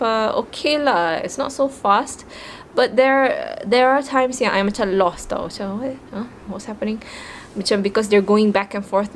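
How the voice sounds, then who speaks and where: In a slightly high voice, a young book vlogger talks casually about books in Malaysian-accented English, sprinkling in Malay words. A little hiss or hum runs under the recording.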